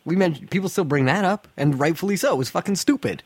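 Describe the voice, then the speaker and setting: A man's voice: high-pitched, animated, fast, husky, no echo. A man hosting a casual sports podcast from an attic, speaking bluntly and profanely with strong opinions. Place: attic of a house, recording in summer heat.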